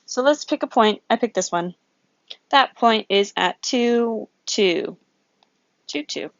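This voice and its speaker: A woman's voice: a little high, expressive, slow pace, gravelly, no room sound, muffled recording. A woman teaching a recorded geometry lesson, working problems aloud, counting grid squares and correcting herself as she goes. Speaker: math teacher.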